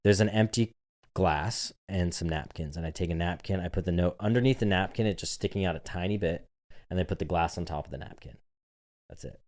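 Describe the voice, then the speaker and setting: Deep-voiced man telling a rowdy story. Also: brisk. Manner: animated, profane storyteller who acts out dialogue. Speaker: podcast co-host. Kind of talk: casual storytelling chat.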